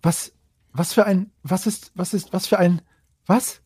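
A theatrical, flustered woman in a fantasy game, played by a man, pitched up and husky. The delivery is hammy and stammering, as if overcome with shock. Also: fairly even intonation, unhurried, darkish tone, dry recording.

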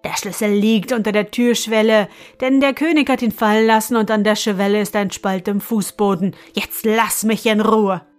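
A woman reading as a gruff, grumbling griffin. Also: medium pitch, fairly even intonation, moderate pace, few pauses, faint music behind, close to an everyday voice. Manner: loud, grumbling, demanding. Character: gruff male griffin, golden-feathered, irritable.

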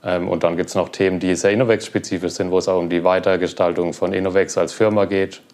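A young man being interviewed, talking relaxed about his work with many fillers. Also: sits low, fast. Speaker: guest, cloud platform engineer. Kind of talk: casual interview.

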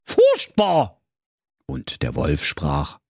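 Saxon guy telling a goofy fairy tale, very lively up and down, dry close sound. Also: lowish voice, measured pace, husky, no echo. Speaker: storyteller. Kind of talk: comic fairy-tale narration.

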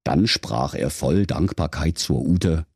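A man's voice: extremely low pitch, expressive, slow pace, breathy edge, dry recording, studio quality. A man narrating a comic fairy tale in a mock-solemn storybook manner.

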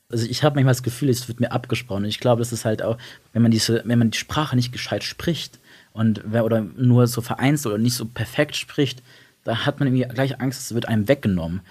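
A young man who grew up in Germany and Italy, talking about his life in a reflective, halting way with many restarts. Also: medium pitch, a little mellow, slightly rough. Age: young adult. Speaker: interview guest. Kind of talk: casual personal talk.

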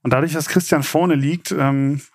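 Higher-pitched man hosting a casual quiz. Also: fairly even intonation, normal speed, a little mellow, no room sound, clean studio sound. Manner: informal game show host, chuckling and explanatory. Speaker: quiz show host. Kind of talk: casual game show hosting.

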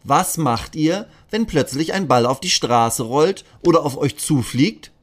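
Man as a friendly policeman, slow, reassuring, slightly raised, children's audio story. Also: on the high side, expressive, voice pushed up. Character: friendly male police officer.

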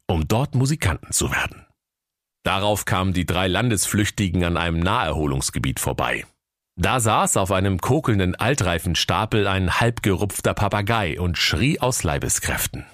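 A man tells a parody fairy tale with dry, deadpan timing. His voice is low. The sound is close and dry. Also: no echo. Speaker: narrator. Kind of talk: comic fairy-tale narration.

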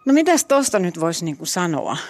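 A woman hosting a book-club podcast, chatty and quick to laugh as she prompts her guest. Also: fairly low pitch, very animated, a little mellow, faint music behind. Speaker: podcast host. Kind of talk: casual podcast chat.

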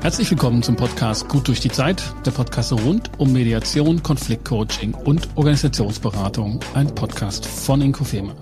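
A man's voice: medium pitch, normal speed, few pauses, music in the background. A man hosting a podcast, introducing the episode and interviewing his guest in an articulate, composed way. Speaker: podcast host.

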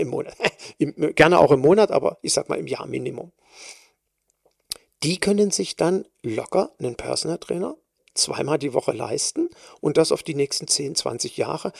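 A woman's voice: deep voice, gravelly, a little mellow, breathy edge, no room sound, clean studio sound. A woman hosting a solo podcast, speaking as a personal trainer in an emphatic way, stressing and repeating words.

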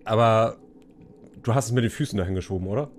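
A man acting as game master in a casual tabletop role-playing game, narrating in a relaxed, low-key way. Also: fast talker, a little hiss or hum.

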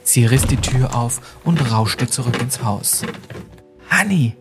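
A man narrating a scripted ghost story for a mystery podcast, measured and suspenseful. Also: medium pitch, steady tone, music in the background.

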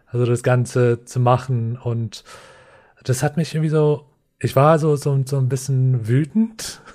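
Hesitant phrasing, full of fillers and restarts, marks this non-native male guest on a podcast interview, where he explains things reflectively. He is from a Lakota reservation in the US Northern Plains, and German is not his first language. His voice is medium-pitched, warm and dark, with an even delivery.

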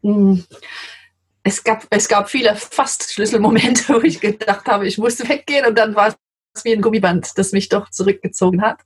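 English lady in her 40s chatting in german, husky bit breathy voice, lots of ums and little laughs. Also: medium pitch, normal speed. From London, England. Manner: warm, giggly, hesitant with many fillers. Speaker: guest, translator. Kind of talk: casual interview chat.

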